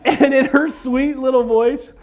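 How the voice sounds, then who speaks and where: A middle-aged man doing stand-up comedy for a church audience, animated and exaggerated, breaking into sudden shouts. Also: very high voice, a little slow. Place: church event hall before a live audience.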